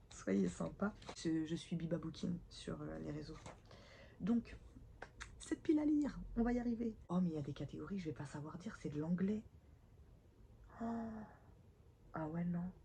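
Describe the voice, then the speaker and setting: A woman with a hoarse, stuffed-up voice from a cold, chatting casually to camera in a self-deprecating, slightly awkward book vlog at home. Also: lowish voice, animated, moderate pace, long pauses, dark tone, a little hiss or hum. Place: at home, indoors.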